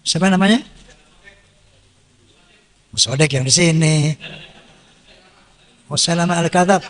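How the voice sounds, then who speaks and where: A man with a high voice delivers a sermon, his words ringing out with a long reverb tail as in a large hall. He recites Arabic verses, explains them plainly, and keeps asking questions that he answers himself. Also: takes it slowly. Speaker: preacher.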